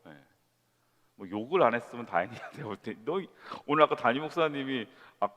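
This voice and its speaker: A male pastor preaching a sermon to a young congregation in a conversational, lively way. He asks the room questions and acts out quoted lines. His mid-pitched voice rings with the long reverb of a church sanctuary. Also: a little fast.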